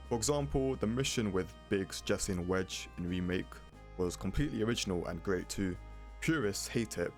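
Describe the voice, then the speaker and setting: Music plays behind a man with a fairly low voice. He narrates a scripted game review, speaking bluntly and casually like an opinionated reviewer. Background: prominent music.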